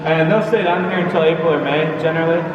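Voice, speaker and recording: A man with a fairly high voice guides a boat tour in an easygoing, explanatory way. His words ring with long cave echo, caught by a distant mic over clear background noise. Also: quick pace, muffled recording. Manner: casual, chuckling, explanatory. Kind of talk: informal guided tour commentary. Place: inside a water-filled cave on a tour boat. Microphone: vlogger's camera, away from the speaker.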